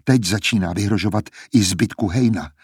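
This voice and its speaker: A man's voice: on the low side, a little mellow, husky, no room sound, clean studio sound. A man reading aloud, voicing a frightened young woman singer who is anxious and pleading.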